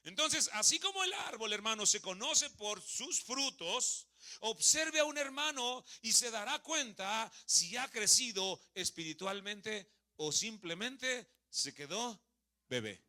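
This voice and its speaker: Speaking slowly in a high voice, a Mexican man in his thirties leads a sermon in a church hall. He carries a Mexican Spanish accent and a lively manner, asking the congregation questions and joking with them.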